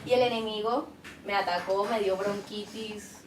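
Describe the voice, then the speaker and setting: A woman's voice: mid-range voice, fairly even intonation, a little slow. A woman telling her testimony in a casual, chatty way, often repeating herself. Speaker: church member giving testimony. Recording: roomy, mic at a distance, faint room noise.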